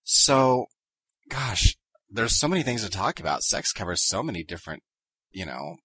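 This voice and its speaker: A man's voice: fairly low pitch, sing-song, moderate pace, sharp tone, breathy edge. A man co-hosting a comedy podcast, playful and giggly. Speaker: podcast co-host. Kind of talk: comedic casual chat.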